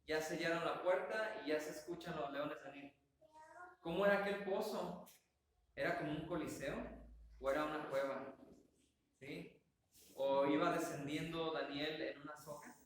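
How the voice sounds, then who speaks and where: A man preaching a sermon, talking conversationally with rhetorical questions and acting out scenes as he goes. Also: a little high. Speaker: pastor. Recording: very echoey church hall, faint noise.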